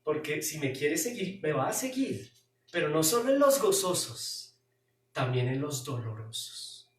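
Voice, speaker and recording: A man voicing a calm, firm male teacher who gives soft warnings. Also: a little high, unhurried, reverberant, far from the mic, pitched below the performer's own voice.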